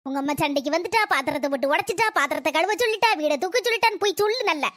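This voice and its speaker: A woman doing a shrill old mother-in-law. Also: expressive, racing, fairly bright tone, no echo. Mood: angry. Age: older. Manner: sarcastic, nagging, scolding. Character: bitter old mother-in-law, quarrelsome, self-pitying. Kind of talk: family quarrel skit acting.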